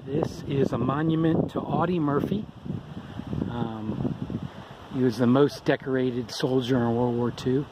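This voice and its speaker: A middle-aged man records a casual trail vlog outdoors on a handheld camera. He rambles easily with plenty of ums. Outdoor noise is clearly heard behind him, and his voice sits at an ordinary pitch for a man. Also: steady tone, measured pace. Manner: chatty, rambling, with ums and uhs. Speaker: thru-hiker vlogger.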